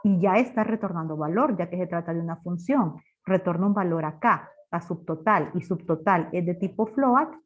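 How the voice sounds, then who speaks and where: Speaking at a normal speed with few pauses, a woman with a lowish voice teaches programming step by step. She takes a didactic approach, asking rhetorical questions as she goes, in dull, lo-fi online class audio.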